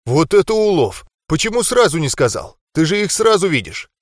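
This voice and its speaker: A man's voice: a little high, big pitch swings, normal speed, dry recording, studio quality, voice pushed up. A man voicing a brash, smirking blond male killer in an audiobook. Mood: smug.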